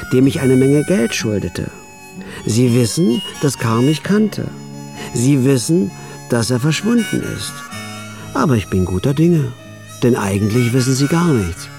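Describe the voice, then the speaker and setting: In a radio drama, an actor with a warm, mid-range voice plays a wry, nervous hitman narrating his own story in dry, understated first person.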